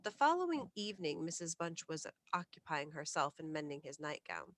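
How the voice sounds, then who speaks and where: A woman reading a classic ghost story aloud as scripted bedtime narration, in a measured, literary storytelling manner. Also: deep voice, very animated, a bit bright. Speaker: storyteller, reader of ghost stories.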